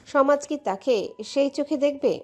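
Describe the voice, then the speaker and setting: A woman narrating a romantic audio story in an emotive, steady way. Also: high voice, a little slow.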